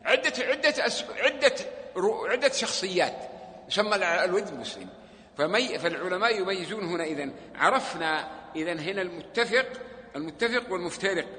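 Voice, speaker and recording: A man's voice: high voice, bright, forceful tone. A man teaching a mosque class, often stopping to quiz students and restarting words. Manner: keeps asking students check questions, many stuttered restarts. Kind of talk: mosque lesson on hadith terms. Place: mosque hall. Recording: reverberant mosque hall.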